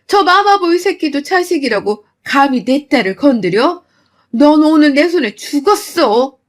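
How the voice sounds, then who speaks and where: A woman voicing a fiercely protective middle-aged mother who scolds loudly. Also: sits high, animated, a little slow, pitched above the performer's own voice. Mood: furious. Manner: loud, scolding.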